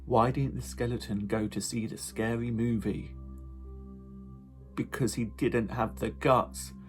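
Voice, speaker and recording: A man playing a creepy, macabre horror ghoul who tells jokes slowly and deliberately. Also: mid-range voice, steady tone, faint music behind, natural voice. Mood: creepy deadpan.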